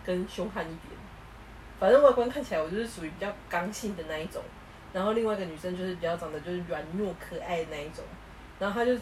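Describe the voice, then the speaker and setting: A woman co-hosting a casual chat podcast, telling stories in a lively way and acting out what people said. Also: lowish voice, distant mic, slight background noise, rough recording. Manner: animated storytelling, acting out quoted lines. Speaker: podcast co-host.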